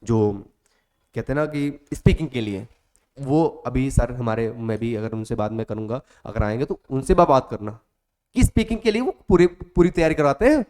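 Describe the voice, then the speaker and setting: Man, coaching teacher, motivational, repetitive, coaxing, mid-pitched voice. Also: normal speed, darkish tone. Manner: repetitive, coaxing, calls students "beta". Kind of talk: motivational classroom talk.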